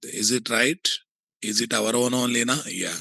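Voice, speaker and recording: A man with a Telugu Indian English accent giving a software tutorial, thinking aloud and often asking questions that he answers himself. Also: medium pitch, normal speed, vocal fry, no room sound, studio quality. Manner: asks and answers his own checking questions.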